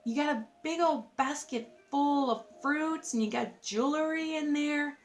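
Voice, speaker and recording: A woman with a fairly high voice giving a casual tarot reading straight to camera. She talks in an effusive, rambling way, leans on "like" constantly and laughs at her own asides. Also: unhurried, soft background music. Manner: chatty and effusive, lots of "like", laughs at herself. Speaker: tarot reader.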